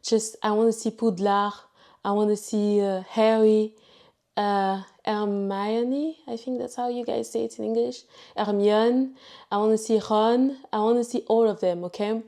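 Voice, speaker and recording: A young woman from Ivory Coast, a native French speaker with an Ivorian accent, telling her personal story casually as a vlogger, chatty and unhurried with emphatic asides. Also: fairly high pitch, steady tone, vocal fry, warm tone. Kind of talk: casual personal testimony to camera.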